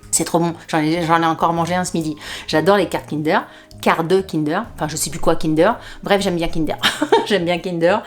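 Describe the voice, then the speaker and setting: A woman vlogger chatting casually to her viewers as she unpacks a food box, rambling, laughing often, and jumping up in pitch when surprised. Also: darkish tone. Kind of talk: casual unboxing chat to camera.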